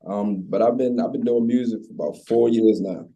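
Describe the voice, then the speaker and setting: Speaking a little fast with a steady, warm, slightly rough medium-pitched voice, this recording artist in his twenties has a Baltimore accent. He's a relaxed, slangy interview guest in a casual chat, captured on a low-quality recording.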